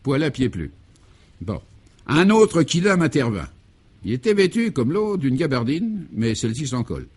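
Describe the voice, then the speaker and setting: A man narrating a comic radio serial in a deadpan manner, with absurd wordplay and playful self-corrections. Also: medium pitch, normal speed, breathy edge. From France. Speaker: narrator and author.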